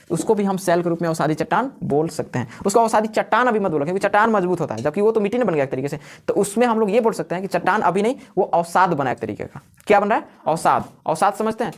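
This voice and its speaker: Guy teaching a class quick, asks stuff then answers it himself over and over. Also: high-pitched. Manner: asks questions and answers them himself, repeating key words. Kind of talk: live classroom lecture. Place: classroom with students.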